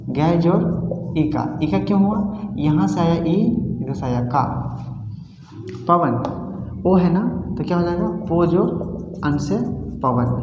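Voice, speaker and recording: A male teacher with a Bhojpuri-tinged accent talks slowly through a grammar lesson. He quizzes and answers himself and repeats syllables as drills. His voice rings in a roomy space with a long reverb tail and faint music underneath. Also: on the high side, a little mellow, muffled recording. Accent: Bhojpuri-tinged Hindi. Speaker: Sanskrit teacher.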